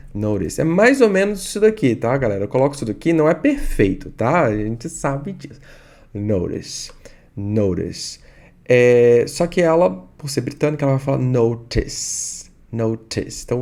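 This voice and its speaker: A man with a Brazilian Portuguese accent teaching an English lesson online, patiently repeating and drilling words slowly. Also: medium pitch, gravelly, darkish tone.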